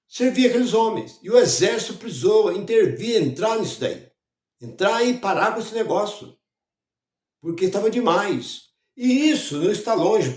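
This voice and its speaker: A Brazilian pastor preaching a sermon, telling stories and acting out the dialogue, sometimes loud and sometimes hushed. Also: male voice, high-pitched, roomy sound. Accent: Brazilian Portuguese. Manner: retells stories acting out dialogue, varies loudness widely. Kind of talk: sermon storytelling.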